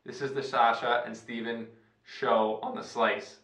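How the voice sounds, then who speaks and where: A man from Canada, hosting a casual sports talk show in a relaxed, chatty way with fillers and restarts. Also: mid-range voice, measured pace. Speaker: host. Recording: roomy sound, distant from the mic.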